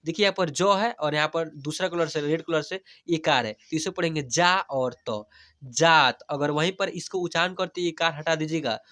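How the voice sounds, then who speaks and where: A man leads a reading lesson, drawing out every syllable slowly before he says the whole word firmly. His voice sits a little high and rings bright and forward. He keeps checking that his listeners are following. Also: fairly even intonation. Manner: slow drawn-out spelling of each syllable, then the full word said firmly; coaxing, checks in with "theek hai?". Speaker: Hindi reading teacher. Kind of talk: spoken lesson, spelling words syllable by syllable.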